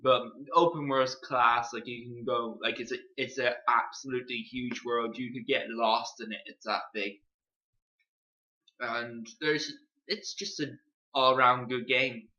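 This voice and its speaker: Young lad recommending a game, bright sharp voice, muffled cheap mic. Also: male voice, medium pitch, steady tone, measured pace. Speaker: podcast co-host. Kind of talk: casual chat.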